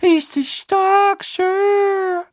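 A narrator voicing a tiny, tearful male house-elf who squeaks and talks about himself in the third person. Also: fairly even intonation, very slow, dry recording, clean studio sound, full character voice. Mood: tearful squeaking. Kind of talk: audiobook character voice.

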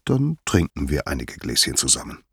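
A man's voice: very deep voice, huge pitch swings, moderate pace, vocal fry, slightly rough, dry recording, studio quality, exaggerated voice. A man voicing a jovial, sly male god of wine who talks in a cheerful, coaxing way in a storybook reading. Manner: cheerful, coaxing, mock-indignant.

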